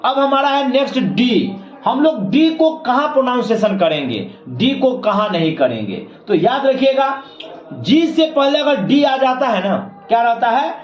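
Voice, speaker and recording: A man teaches pronunciation in a high, raised voice, asking questions and answering them himself and spelling words out letter by letter. The room is echoey and the recording sounds somewhat dull. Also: a little mellow. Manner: repetitive teacher, asks and answers his own questions, spells letters slowly. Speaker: English teacher. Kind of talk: classroom lesson explaining pronunciation.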